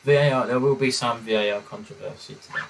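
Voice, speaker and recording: A man's voice: medium pitch, fast, creaky, slight background noise, low-quality recording. Rambling young man on a stream. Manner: rambling, hesitant, lots of fillers. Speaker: football watchalong streamer. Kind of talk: casual live-stream chat.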